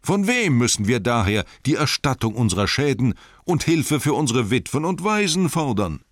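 A pompous, scheming older mayor who speaks in loud, ringing oratory, put on by a male audiobook reader. The voice climbs high above the reader's own register and swings widely in pitch. The dry, close recording keeps every word sharp and up front. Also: very animated, a little slow, no room sound. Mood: indignant. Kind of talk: audiobook reading.

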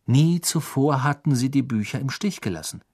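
A man narrating an audiobook in a calm, measured way, giving each character a voice. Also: medium pitch, breathy edge.

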